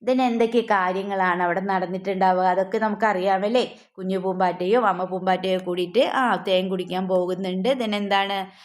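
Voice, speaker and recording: A woman's voice: mid-range voice, fairly even intonation, normal speed. A woman teacher going through a school question paper for young children, asking coaxing questions, answering them herself, and mixing English words in. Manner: asks and then answers her own questions.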